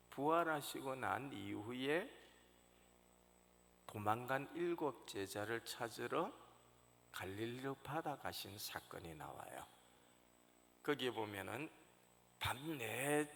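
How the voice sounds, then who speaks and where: A male pastor preaching a sermon in a church sanctuary, telling the story with sudden loud rises and hushed drops. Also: mid-range voice, creaky. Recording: reverberant church hall, faint noise.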